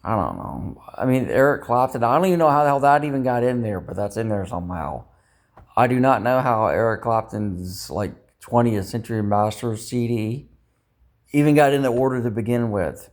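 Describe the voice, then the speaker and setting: At a moderate pace and medium pitch, a man vlogs in an expressive, rambling way. His casual talk is full of self-doubt and rumination, plus some mild cursing.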